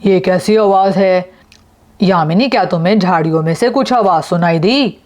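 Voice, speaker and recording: A woman's voice: on the low side, normal speed, darkish tone, natural voice. A brave young father in a doll storybook, voiced by a woman in her ordinary voice. He talks steadily and reassuringly, giving firm, commanding orders. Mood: steady. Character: calm brave young father on a camping trip.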